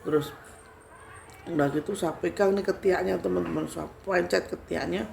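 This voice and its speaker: Low-voiced Javanese woman telling a story. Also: moderate pace, vocal fry, a little hiss or hum. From Central Java, Indonesia. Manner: animated, repetitive storytelling. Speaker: spiritual healer vlogger. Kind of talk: casual storytelling vlog.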